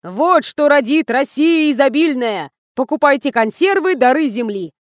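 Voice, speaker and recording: A chatty coworker rattles on with gossip and mockery in a bright, high voice, as a woman reader plays her. The recording is dry and close. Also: moderate pace, no room sound. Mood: gossipy. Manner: lively, gossipy, mocking.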